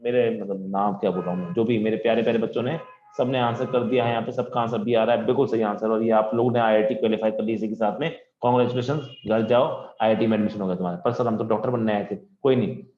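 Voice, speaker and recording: A man's voice: fairly low pitch, fairly even intonation, quick pace, darkish tone, echoey room, dull audio. A man teaching an online physics class from home, chatty and joking with his students.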